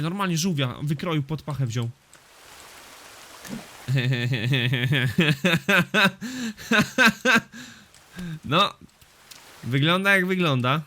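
Swearing excitable gaming commentator, man. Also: mid-range voice, a little hiss or hum. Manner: swears often, excitable reactions to the game. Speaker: gaming YouTuber. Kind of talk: casual let's-play commentary.

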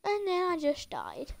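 Woman gamer, very high voice, frantic excitable let's-play commentary, unhurried delivery. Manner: excitable, frantic shouting and laughing. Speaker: gaming video creator.

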